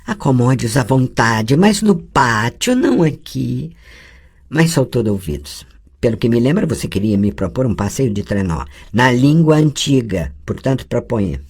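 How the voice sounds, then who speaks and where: An audiobook reader voicing a patient adult sorceress who teaches a girl, calm and gently correcting, with a lively, wide-ranging delivery. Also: mid-range voice, moderate pace. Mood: instructive. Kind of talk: audiobook dialogue reading.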